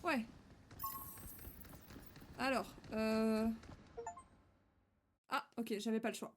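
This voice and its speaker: A woman's voice: fairly high pitch, steady tone, extremely slow, slight background noise. A woman doing casual live let's play commentary as a game streamer, informal, chatty and affectionate with her viewers. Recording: faint game music behind.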